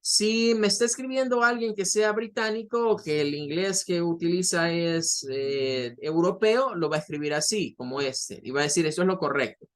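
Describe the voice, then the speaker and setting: A man who speaks Spanish as a first language, teaching English grammar and repeating key points patiently. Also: high-pitched. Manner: models English words slowly. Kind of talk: online grammar lesson.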